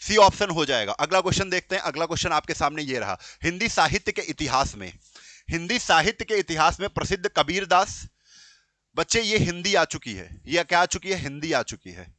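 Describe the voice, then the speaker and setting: A man's voice: a little high, very animated, brisk, pushed and bright, no echo. A male teacher giving an exam-prep lesson, asking the students questions and answering them himself, repeating the key terms and calling them bachche and beta. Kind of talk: classroom lecture.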